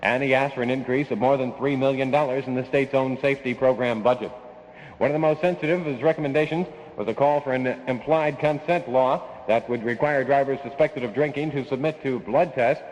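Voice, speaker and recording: A man's voice: mid-range voice, a little fast, darkish tone, lo-fi sound, a little hiss or hum. Male American local newsreader, mid-range voice, scripted vintage bulletin, reverberant radio sound.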